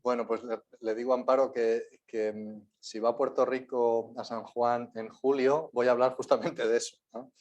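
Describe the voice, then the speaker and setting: A man's voice: mid-range voice, flat delivery, normal speed, few pauses, a little mellow, lo-fi sound. A man with a Spain Spanish accent, a guest lecturer answering questions in a university lecture room, rambling on with frequent tag questions.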